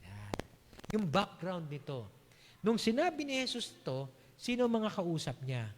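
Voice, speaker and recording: A male pastor preaching a sermon emphatically, often checking in with "Okay?" and reading verses slowly. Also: high-pitched, big pitch swings, in a large hall. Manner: mixes in English phrases and reads verses slowly. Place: church.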